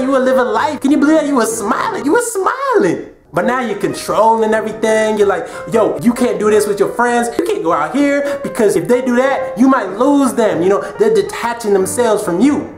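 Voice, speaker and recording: A man giving a comedic vlog rant in slangy, animated street talk. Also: high-pitched. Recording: roomy with music behind.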